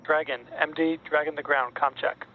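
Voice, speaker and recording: Male mission director, slightly high and monotone, clipped procedural callouts over a tinny, faintly noisy pilot headset link. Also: normal speed. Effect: radio headset comms. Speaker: mission director on launch comms. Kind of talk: procedural radio comm checks. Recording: narrow phone-like radio channel with noise.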